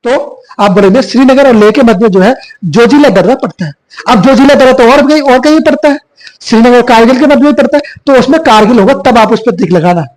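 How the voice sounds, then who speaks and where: A hoarse man, a little husky from a cough, teaches a geography lesson at a whiteboard. He repeats each point and keeps quizzing his students as he goes. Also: very high-pitched, quick pace, a little mellow, poor audio. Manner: repetitive, quizzing students with filler 'bhaiya'. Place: classroom with whiteboard.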